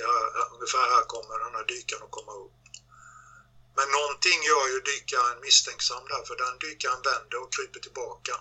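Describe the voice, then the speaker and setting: A man's voice: medium pitch, sharp tone, breathy edge, rough recording. A man, a former platoon officer, recounting a field incident in an interview, hesitant and full of filler sounds. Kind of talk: interview recollection.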